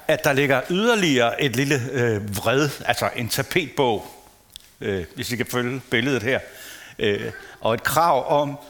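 A man giving a casual sermon to a congregation, chatting, asking the listeners questions and sometimes dropping to a hushed tone. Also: medium pitch. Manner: conversational, asks the audience questions, playful asides. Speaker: preacher.

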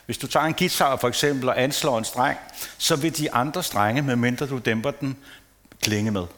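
A man giving a casual sermon to a congregation, chatting, asking the listeners questions and sometimes dropping to a hushed tone. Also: mid-range voice. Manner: conversational, asks the audience questions, playful asides. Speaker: preacher.

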